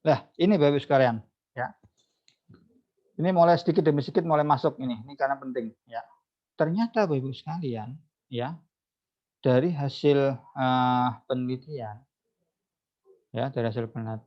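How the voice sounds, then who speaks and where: A psychologist giving an online seminar talk, often asking his audience rhetorical questions and addressing them formally. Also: fairly high pitch. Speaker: psychologist speaking at a webinar. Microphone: video call. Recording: dull lo-fi video call audio.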